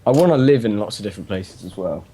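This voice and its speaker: A man's voice: fairly low pitch, animated, quick pace, dark tone, husky. A man co-hosting a casual podcast, easygoing and hesitant with many um's. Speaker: podcast co-host.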